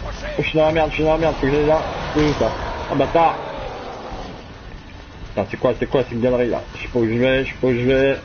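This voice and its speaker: A man giving live commentary on a horror shooter he plays alone, swearing constantly and repeating words in panicked bursts. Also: a little high. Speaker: gamer playing solo. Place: at home at a game console. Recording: dull lo-fi sound with loud game noise.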